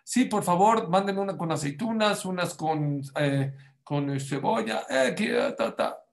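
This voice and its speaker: A man voicing a playful male schoolteacher who fakes a phone call and keeps insisting, in a lively, mock-innocent way. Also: high-pitched, measured pace, vocal fry. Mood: cheerful.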